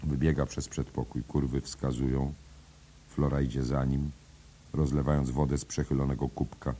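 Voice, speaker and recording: A man narrating the stage directions of a play in a measured, even way. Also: very deep voice, slight background noise.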